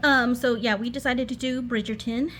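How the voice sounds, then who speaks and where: Higher-pitched woman talking over a washing machine. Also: fairly even intonation, normal speed, fairly bright tone. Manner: scattered, self-interrupting, giggly asides. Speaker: craft vlogger. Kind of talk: casual rambling craft show-and-tell. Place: home living room. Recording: washing machine noise in background. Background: running washing machine.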